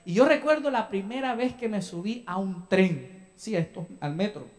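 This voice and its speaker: A young adult man from El Salvador, working as a pastor, preaches a sermon in a church sanctuary. His voice is high-pitched and animated at a moderate pace, and he engages the congregation with questions and acted-out asides.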